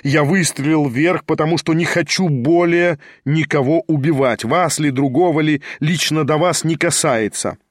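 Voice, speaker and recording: A man's voice: on the high side, moderate pace, few pauses, no room sound, clean studio sound, lightly acted. A man voicing a composed aristocrat at a duel, firm and impatient. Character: cold, composed male aristocrat dueling.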